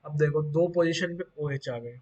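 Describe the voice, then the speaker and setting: A man's voice: fairly high pitch, normal speed, dark tone. A man teaching a pharmacy lecture, asking the class questions and answering them himself, with playful asides. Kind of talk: online lecture. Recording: dull lo-fi audio.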